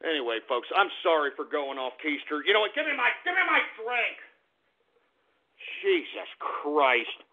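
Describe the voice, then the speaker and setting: A man hosting an internet radio show, ranting and shouting insults at his listeners. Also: fairly high pitch, big pitch swings, moderate pace. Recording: tinny phone-like lo-fi radio stream.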